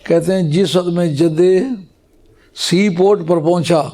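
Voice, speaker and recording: Guy giving a scholarly religious talk, kinda high but mellow voice, explains stuff slow and patient. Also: fairly even intonation. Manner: explanatory, recites Arabic phrases slowly.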